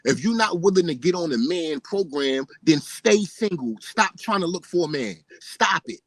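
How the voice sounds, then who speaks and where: A man's voice: on the high side, expressive, normal speed, breathy edge, dry recording, low-quality recording. Blunt man in his late thirties. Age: 30s. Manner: blunt, emphatic, tags nearly every point with "right?"; profane, repeats himself when pressed. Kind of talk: casual ranting monologue.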